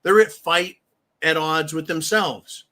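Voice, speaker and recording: High-voiced man ranting on a livestream. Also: takes it slowly, pushed and bright. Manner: blunt, profane ranting, acts out quoted voices. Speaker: livestream host. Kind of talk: casual live-stream commentary.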